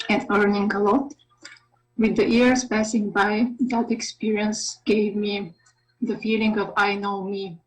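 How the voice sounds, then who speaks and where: A woman gives a reflective devotional testimonial in measured, read-out phrasing. Her voice sits at an ordinary pitch for a woman but stays flat, with little movement. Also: rough recording.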